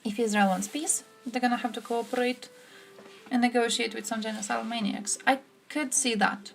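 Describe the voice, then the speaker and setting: A woman's voice: on the high side, steady tone, moderate pace, vocal fry, faint music behind. A woman from Croatia streaming live, giving blunt, sarcastic political commentary and answering chat, swearing freely.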